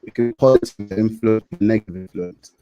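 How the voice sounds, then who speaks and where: A man talking casually as a podcast guest over a bad internet connection that breaks up and turns him robotic; he speaks in a halting, laid-back way and repeats words. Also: fairly low pitch, highs cut off. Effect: breaking-up, robotic-sounding bad internet connection. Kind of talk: casual remote podcast chat.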